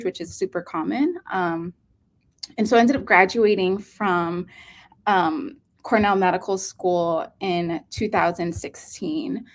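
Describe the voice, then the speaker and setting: A woman in her thirties from Hawaii, speaking as a pediatric nephrologist guest in an earnest, unhurried way with many um fillers. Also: medium pitch. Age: 30s. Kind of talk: casual interview talk.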